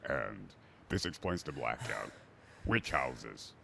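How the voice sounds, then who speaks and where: An actor playing a ruthless, contemptuous male village leader in a game, with a very deep gravelly voice, barking orders. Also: lively intonation, slow pace, bright, forceful tone, a little hiss or hum, full character voice. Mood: commanding. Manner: barks orders, scornful. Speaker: village director.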